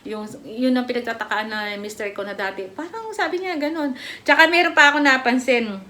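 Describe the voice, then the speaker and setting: A middle-aged woman from the Philippines talks through a rambling personal testimony for her vlog. Her voice sits high and sounds bright and forward. She keeps circling back with fillers and restarts, like a relaxed chat with viewers. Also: brisk. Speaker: vlogger giving a product testimony.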